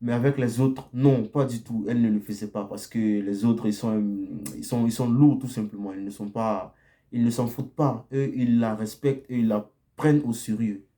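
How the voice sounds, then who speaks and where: A man's voice: mid-range voice, fairly even intonation, normal speed, dark tone. A young man giving blunt dating advice in a casual monologue, often tagging his sentences with a questioning "ok?" and repeating himself. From Côte d'Ivoire. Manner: frequent tag "ok?" and repetitions, direct and blunt.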